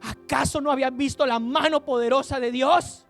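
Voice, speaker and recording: A man preaching gives the voice of a stern, all-powerful God who rebukes with booming, reproachful questions. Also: fairly even intonation, moderate pace, a bit bright, soft background music.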